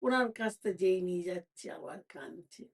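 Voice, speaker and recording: A woman with Bengali village speech telling a devotional story aloud and acting out the characters' lines in raised, animated tones. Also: fairly low pitch, a little fast, vocal fry. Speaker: village storyteller reciting scripture.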